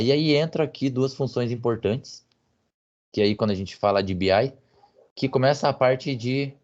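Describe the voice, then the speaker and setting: A man's voice: lowish voice, darkish tone. A man giving a technical talk as a guest speaker, hesitant, with many fillers and tag questions, over a video call. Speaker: guest speaker on business intelligence. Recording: muffled lo-fi audio.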